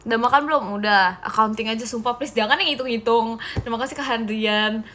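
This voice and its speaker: A young woman chats casually on her live stream, reading comments aloud and joking back with fans. Her voice sits a little high and bright. She sounds playful and giggly, often addressing viewers as "guys.". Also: brisk, a little hiss or hum.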